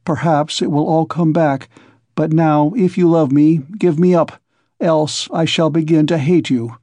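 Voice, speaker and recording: A man's voice: on the high side, fairly even intonation, unhurried, mellow, dry recording, close to an everyday voice. A man voicing a tormented young man, feverish and resolute, who talks in tense, clipped pleas.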